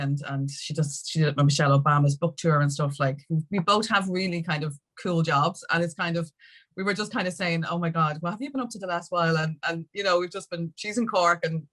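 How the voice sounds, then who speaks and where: Guesting on a podcast, a music consultant and campaigner from Ireland recounts her own story informally, chatting freely and swearing mildly now and then. She has a low, fairly bright voice with a steady tone and a fairly brisk pace.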